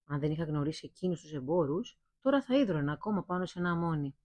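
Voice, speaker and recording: A burly, ill-mannered blacksmith bellows insults in a mellow, husky voice, as a woman reading a fairy tale puts him on. He sounds gruff and rude. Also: low voice, animated, no room sound. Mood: cheerful.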